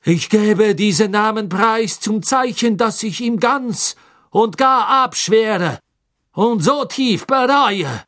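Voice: medium pitch, expressive, slow pace, fairly bright tone, no room sound, clean studio sound, voice pushed up. An audiobook reader voicing a cowardly male former follower who speaks hastily and breathlessly, stammering as he pleads. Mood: pleading. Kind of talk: audiobook character voice.

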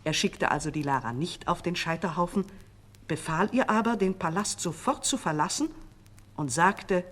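A woman reads a fairy tale aloud with dramatic expression. Her low voice swoops widely as she narrates each turn of the story. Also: animated, moderate pace, fairly bright tone.

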